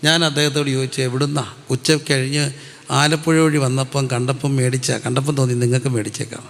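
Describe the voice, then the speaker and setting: A man's voice: mid-range voice, flat delivery, big-room sound. A man preaching a sermon as a pastor, asking the congregation questions, answering them himself and calling out hallelujah. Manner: slows right down when reciting prayer lines.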